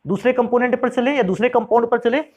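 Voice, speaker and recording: Teacher quizzing students on chemistry. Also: male voice, extremely high pitch, fast, dull audio. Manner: asks questions and answers them himself; calls students "beta" and "bhaiya". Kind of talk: classroom lecture.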